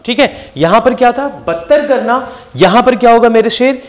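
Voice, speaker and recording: High-voiced lively male vocabulary teacher. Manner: lively, repeats words and asks quick questions to the class. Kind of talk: energetic exam-prep lesson.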